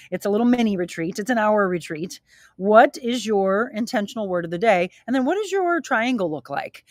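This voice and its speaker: A middle-aged woman leads a live workout from outside her home, talking while she moves and getting a little out of breath. Her delivery is energetic and encouraging. Her voice sits at an ordinary middle pitch, and the sound is close and dry. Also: no room sound. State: slightly out of breath. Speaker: fitness and wellness coach hosting a live stream. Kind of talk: live-streamed workout and motivational talk. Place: outdoors at her home, by a grilling area.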